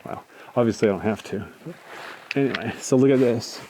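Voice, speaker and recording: A man's voice: medium pitch, a little fast, warm tone. Laid-back man, noisy cave recording. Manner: laid-back, rambling asides. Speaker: cave explorer filming a video. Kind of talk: casual spoken tour commentary. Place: inside a rocky cave. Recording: clear background noise, handheld cave recording.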